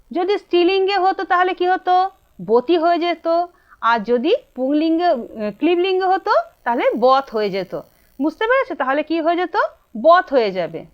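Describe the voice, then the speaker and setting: A woman with a Bengali accent teaching a grammar lesson, asking her students questions and answering them herself. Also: high-pitched. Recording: dull lo-fi sound.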